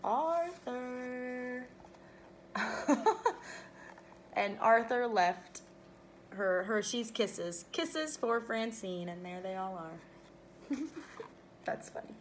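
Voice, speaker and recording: A woman reading a children's picture book aloud, expressive, breaking off for playful asides to her listeners. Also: medium pitch, slow pace, pauses often, slight background noise. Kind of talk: read-aloud storytelling.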